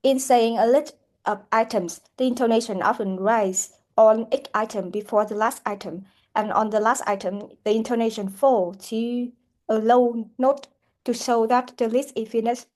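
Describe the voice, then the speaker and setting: A woman teaching a pronunciation lesson, speaking haltingly with many fillers and repeated words. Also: on the high side, steady tone, a little mellow. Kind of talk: classroom lesson explanation.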